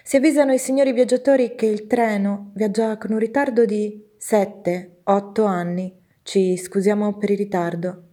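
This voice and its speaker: A woman reciting a spoken-word poem in the measured, formal cadence of a train station announcement. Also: medium pitch, steady tone, mellow.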